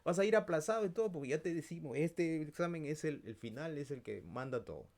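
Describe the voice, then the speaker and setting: A Peruvian man voicing teasing young male classmates, mocking him in a high, loud Peruvian Spanish voice. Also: lively intonation, a little fast, creaky.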